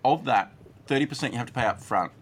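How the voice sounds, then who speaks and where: A man hosting a casual panel chat, asking questions quickly and restarting often. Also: mid-range voice, a little hiss or hum. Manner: fast, chatty questioning with restarts. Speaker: podcast host.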